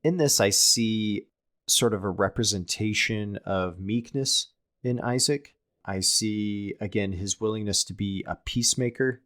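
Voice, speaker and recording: A man co-hosts a casual podcast discussing scripture, speaking thoughtfully at a measured pace in a lowish, slightly bright voice. He often restarts and repeats words while working through a point.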